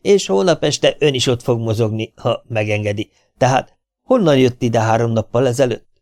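Calm, polite TV reporter read by a man, smooth delivery. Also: medium pitch, no room sound, studio quality, close to an everyday voice.

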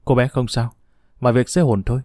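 A man reading the lines of a calm hospital doctor reassuring a family. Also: mid-range voice, fairly quick, no room sound, studio quality, natural voice.

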